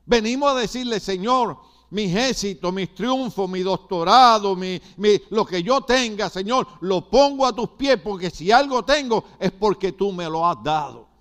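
A man's voice: high-pitched, expressive, a little slow, fairly bright tone. An older man from Puerto Rico with a Puerto Rican accent, preaching a sermon with emphatic repetitions and asides to the congregation. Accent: Puerto Rican Spanish. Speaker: pastor.

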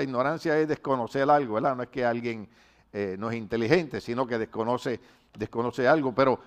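Middle-aged male pastor, slightly raised pitch; folksy sermon, rambling anecdotes, rhetorical asides. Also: clean tone. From Puerto Rico. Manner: animated, rambling storytelling with rhetorical questions. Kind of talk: conversational sermon.

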